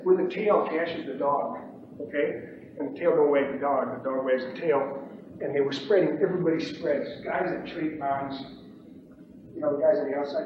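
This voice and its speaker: Emphatic high-voiced man lecturing on trading. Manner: emphatic, repeats "okay?" and acts out pit shouts. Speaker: bond pit trader teaching trading. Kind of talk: informal lecture to traders. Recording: distant, dull, echoey room recording with faint noise.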